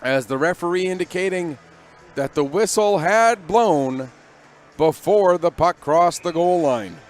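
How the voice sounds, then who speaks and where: A man with a fairly high voice calls an ice hockey game play by play. He runs brisk, steady calls from pass to pass, voice lifting when the action heats up. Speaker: play-by-play commentator.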